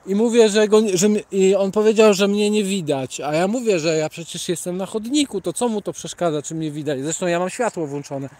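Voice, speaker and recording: A man with a Polish accent and a high-pitched voice chats casually while walking along a city sidewalk at night. He rambles, reads out the names of viewers from the chat and greets them, talking into his phone. Traffic can be heard passing behind him. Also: fairly quick, hardly any pauses, a little mellow. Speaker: livestream host reading chat.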